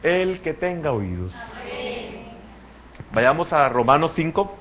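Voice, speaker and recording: Male pastor, Salvadoran accent, sermon, quiet reasoning swelling into fervor, muffled lo-fi sound. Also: big pitch swings, slow, slight background noise. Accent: Salvadoran Spanish. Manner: swings between quiet, low reasoning and loud, high fervent passages.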